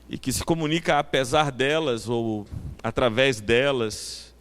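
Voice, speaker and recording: A Brazilian Portuguese-speaking man preaching a sermon as pastor of a small church, telling a story in a reflective, unhurried way. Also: medium pitch. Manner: reflective storyteller, loud bursts on acted exclamations.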